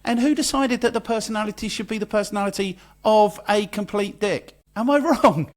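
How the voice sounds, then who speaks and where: A man's voice: high-pitched, fairly quick. A man co-hosting a podcast, ranting in an exasperated, sweary way in casual chat. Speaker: podcast co-host.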